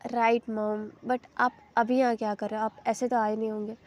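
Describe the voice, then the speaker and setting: A woman's voice: fairly high pitch, little pitch movement, normal speed, darkish tone, lightly acted. Woman doing a sulky, apologetic college girl. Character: young female college student, sulky but apologetic.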